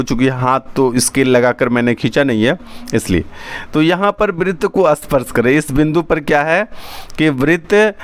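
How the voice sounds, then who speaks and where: A middle-aged man teaches a math lesson with a voice pitched a little high for a man. He talks slowly and patiently, repeats each term and asks questions that he answers himself. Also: smooth. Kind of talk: classroom lesson at a board.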